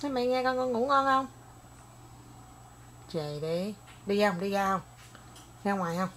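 A young woman, a mother filming a casual home vlog, coaxing, teasing and gently scolding her child while talking to viewers. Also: mid-range voice, lively intonation, a little slow, noisy background.

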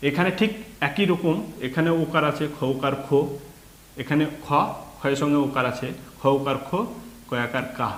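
A man teaching a beginners' reading lesson, slowly spelling out letters and sounds step by step. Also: a little high, a bit bright, roomy sound.

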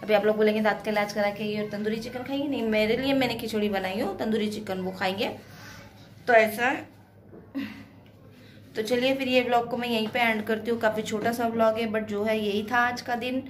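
A woman from India talks straight to her phone camera in a relaxed, chatty home-vlog style. Her voice sits a little high, and she sounds sore from dental treatment. Faint household ambience hums behind her. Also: moderate pace, a little hiss or hum. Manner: chatty, addresses viewers directly. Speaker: vlogger. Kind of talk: casual home vlog narration. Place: home and hospital, indoors.

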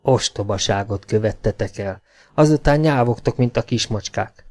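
A man reading the part of a calm, commanding male outlaw chief who speaks in quiet, measured tones with cold authority. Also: lowish voice, close to an everyday voice. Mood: calm, stern.

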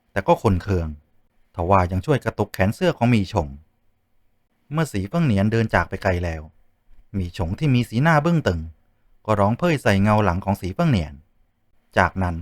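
A man narrating a martial arts novel in an expressive storytelling manner. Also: fairly low pitch, no room sound, studio quality. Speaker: audiobook narrator.

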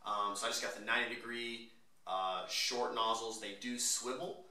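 A man casually walking through his own car modification project, relaxed and rambling with lots of fillers. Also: on the low side, moderate pace. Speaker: DIY car modder. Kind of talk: casual DIY walkthrough. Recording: echoey room, mic at a distance.

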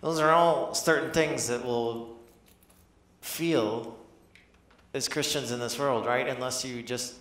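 A man preaching a sermon in a church, conversational and animated, often asking his listeners questions. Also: medium pitch, slow pace, pauses often, reverberant. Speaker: pastor.

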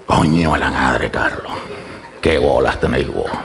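A man's voice: rumbling low, measured pace, vocal fry, crowd noise, voice pushed down, heavily acted. Man doing a cheeky Venezuelan puppet guy. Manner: cheeky and profane. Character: foul-mouthed cheeky male puppet, newly arrived Venezuelan. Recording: loud live audience in a club.

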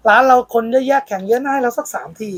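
A man's voice: extremely high pitch, rapid-fire, a bit bright. A man who owns a card shop and hosts a channel, chatting casually in a blunt, crude and teasing way inside his card shop. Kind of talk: casual chat.

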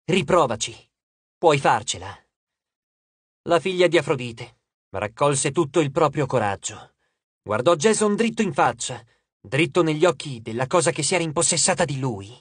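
A man reading an audiobook aloud in an expressive, steady narration. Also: a little high, normal speed, husky, dry recording. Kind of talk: scripted narration.

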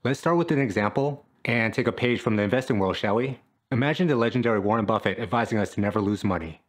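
A man's voice: fairly low pitch, expressive, fast. Upbeat man coaching fitness to camera. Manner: upbeat, jokey, punchy. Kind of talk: scripted talk to camera. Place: small room at home, indoors.

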